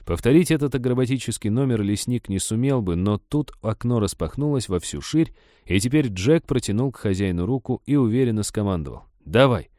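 A man reading a story aloud in even, scripted audiobook narration. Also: medium pitch, fairly quick, no echo, clean studio sound.

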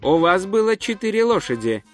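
A man's voice: high-pitched, very animated, moderate pace, faint music behind, voice pushed up. A man voicing Herena, a stern female bandit leader who speaks bluntly and commandingly in a storybook reading.

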